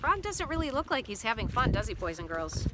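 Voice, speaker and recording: A woman teacher reading a picture book aloud to children and explaining it slowly, recorded outdoors on a boat. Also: a little high, big pitch swings, noisy background.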